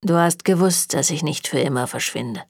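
A woman reading a German audiobook, voicing the low, quiet, insinuating inner voice of a young man who haunts his sister's thoughts. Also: moderate pace, vocal fry, breathy edge, dry recording, clean studio sound, exaggerated voice. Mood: taunting.

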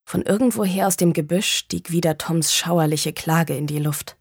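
A woman reading a crime novel aloud in a measured, grave storytelling manner. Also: on the low side, slightly rough, no room sound. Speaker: audiobook narrator. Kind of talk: scripted narration of a crime novel. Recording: dry close studio sound.

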